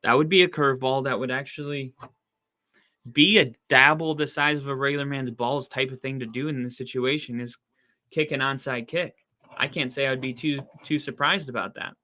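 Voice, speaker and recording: A young man hosting a casual live football watch-along podcast, chatty and excitable, saying he is losing his voice. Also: medium pitch, moderate pace. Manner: chatty, excitable, rising to loud disbelief at plays. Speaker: podcast host doing live game watch-along commentary. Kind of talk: casual play-by-play chat.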